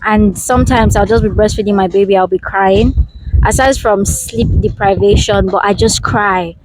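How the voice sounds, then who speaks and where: A woman's voice: medium pitch, a little mellow, slight background noise, low-quality recording. A young woman with a Nigerian accent, chatting casually in a vlog as a mother, ranting animatedly and slipping into pidgin. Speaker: mother vlogger. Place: outside the home.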